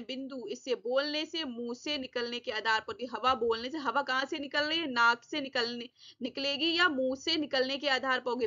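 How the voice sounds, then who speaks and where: A woman's voice: high-pitched, sharp tone, muffled recording. A woman teaching an exam-prep grammar lesson, asking herself questions and answering them, addressing her students fondly. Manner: repeats and quizzes herself, addresses children fondly.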